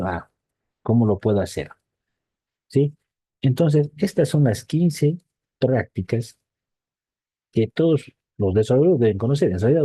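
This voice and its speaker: Dark-voiced man teaching a programming class. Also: fairly low pitch, dry recording. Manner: reads a list aloud, then explains it in loose chatty asides; checks in with frequent "¿sí?" tags. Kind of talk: casual online class.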